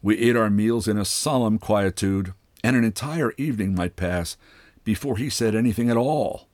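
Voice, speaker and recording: A man hosting a radio program, reading a literary short story aloud in a measured, unhurried way. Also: lowish voice, a little mellow, no room sound. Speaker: host reading short stories. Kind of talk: literary read-aloud narration.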